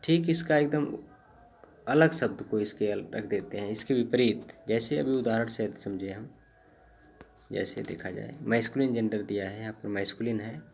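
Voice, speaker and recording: A man teaching grammar in Hindi, reading each rule out very slowly, one word at a time, and repeating himself with hesitant fillers. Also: on the low side, gravelly, a little hiss or hum. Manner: explains slowly in Hindi, reads English rules very slowly word by word. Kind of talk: Hindi-medium grammar lesson.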